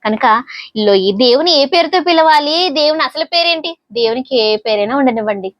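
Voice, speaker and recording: A woman with a high voice preaches a sermon in a conversational way. She keeps putting questions to her listeners. The recording is dry and close. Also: animated, moderate pace, dry recording.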